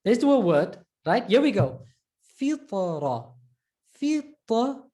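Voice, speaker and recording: A woman's voice: medium pitch, very animated, normal speed, mellow. A woman teaching a live online pronunciation lesson, patiently drilling each sound by repeating it again and again. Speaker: Arabic teacher.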